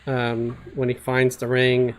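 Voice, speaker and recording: A man's voice: mid-range voice, monotone, slow pace. Easygoing male game streamer. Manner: hesitant, many fillers, reads viewer messages aloud. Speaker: streamer playing an online role-playing game. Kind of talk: casual live-stream chat over voice chat.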